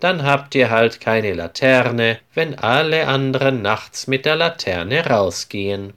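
A man's voice: mid-range voice, expressive, takes it slowly, a bit bright, clear, resonant tone. A man voicing a strict female schoolteacher who speaks firmly and scolds. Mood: stern. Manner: firm and scolding.

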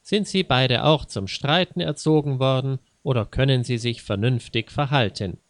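A man voicing a calm, reasonable young woman who admonishes the others in a read-aloud story. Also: mid-range voice, normal speed, no echo, natural voice. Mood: firm.

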